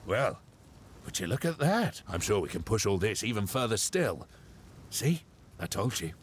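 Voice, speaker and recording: A man's voice: lowish voice, very animated, normal speed, a little hiss or hum. An actor playing a confident, encouraging male crafter in a video game, talking with hearty assurance. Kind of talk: video game character dialogue. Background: game music.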